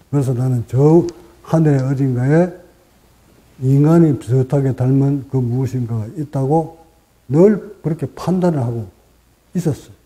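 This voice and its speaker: A man teaching as a Buddhist meditation master, speaking in short, deliberate phrases with pauses and rising for emphasis. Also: mid-range voice, dark tone, low-quality recording. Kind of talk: dharma talk.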